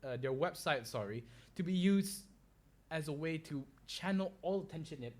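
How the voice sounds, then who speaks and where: A man's voice: on the high side, animated, moderate pace, darkish tone. A young man hosting a solo podcast, rambling with fillers and restarts as he talks. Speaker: podcast host.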